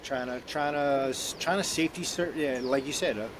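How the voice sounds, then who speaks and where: A man's voice: mid-range voice, normal speed, background noise. A man hosting a casual conversation, enthusiastic, reacting with short interjections. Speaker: podcast host.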